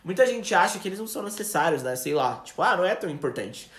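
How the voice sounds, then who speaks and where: A man with a Brazilian Portuguese accent teaching English in a casual live lesson, chatty, slowing down for example sentences. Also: sits high, sing-song, a bit bright, echoey room.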